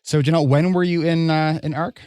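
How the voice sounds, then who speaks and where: A man hosting a podcast, talking in a relaxed conversational way with frequent fillers. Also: a little high, fairly quick, clean tone, dry recording, studio quality. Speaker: podcast host.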